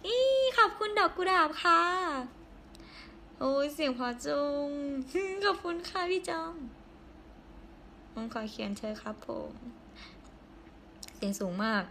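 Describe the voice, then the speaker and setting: A hoarse young woman chatting casually on a live stream, giggling and reading viewer comments aloud. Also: very high voice, big pitch swings, slow pace, pauses often, bright, forceful tone, a little hiss or hum.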